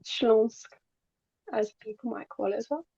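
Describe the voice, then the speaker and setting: Appearing on a podcast, a young pageant queen born in Poland, whose first language is Polish and who moved to England at age ten, talks casually and occasionally trips over words. She speaks unhurriedly in a slightly high, gravelly, husky voice with a dark tone, recorded dull and with no room sound.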